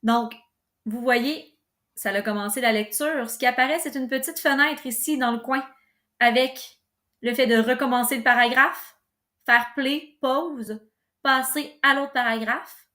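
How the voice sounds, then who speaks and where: A woman presenting an informal step-by-step software tutorial. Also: high-pitched, measured pace.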